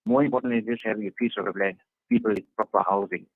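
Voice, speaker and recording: A man speaks over a thin, tinny video call, with a low, gravelly voice. He is a political councillor who answers earnestly and hammers his points home by repeating them. The sound is dry and close, with no room around it. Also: flat delivery, fast talker, no room sound. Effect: heard over a video call. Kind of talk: interview answers.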